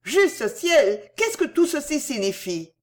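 A woman reading the part of an anxious young woman, speaking high and urgent, in a pleading way. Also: big pitch swings, a little slow. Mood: distressed.

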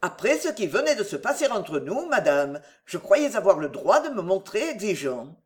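A woman voicing a proud, jealous British gentleman who speaks haughtily and with exasperation in an audiobook. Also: mid-range voice, big pitch swings, moderate pace, lightly acted. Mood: haughty. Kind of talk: audiobook character reading.

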